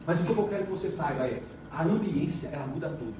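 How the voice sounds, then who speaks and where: A man's voice: a little high, expressive, fast, dark tone. A middle-aged man giving a motivational talk, telling stories emphatically and repeating phrases for force. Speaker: motivational speaker. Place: large echoey event hall. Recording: echoey hall, mic far off, faint noise.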